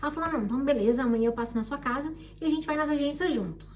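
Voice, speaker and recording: Fast-talking Brazilian woman storyteller. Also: sits high, distant mic, slight background noise. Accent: Brazilian Portuguese. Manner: animated, expressive, acts out quoted people. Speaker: vlogger. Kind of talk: casual storytelling.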